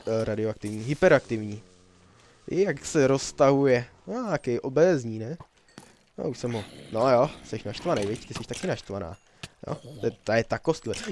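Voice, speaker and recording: A man's voice: mid-range voice, a little mellow, no echo. A young man giving rambling, jokey commentary while playing a survival game, laughing often and talking to his viewers. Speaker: let's player. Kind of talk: casual gameplay commentary.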